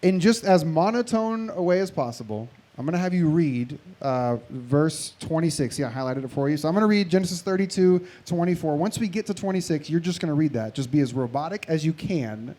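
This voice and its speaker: A middle-aged male pastor giving a live sermon, conversational and animated, joking with and directing the audience. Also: a little high, fairly quick, hardly any pauses.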